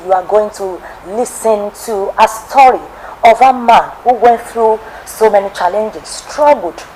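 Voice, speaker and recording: A woman from Nigeria hosting a television testimony program and reading a formal, measured biographical narration. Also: medium pitch, warm tone, slight background noise, low-quality recording.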